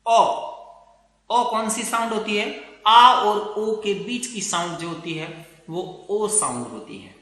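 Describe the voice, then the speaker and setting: A man teaching English pronunciation in a video lesson, explaining slowly and checking with his students again and again. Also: sits high, pushed and bright. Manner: explains slowly, repeats words and checks with "theek hai na". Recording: very echoey room.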